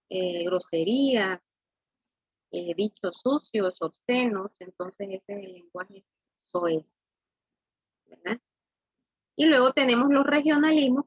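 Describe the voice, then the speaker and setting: A woman teaching a class, explaining slowly and checking in with "¿verdad?" after nearly every point. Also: mid-range voice, a bit bright, no room sound, lo-fi sound. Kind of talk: classroom lesson.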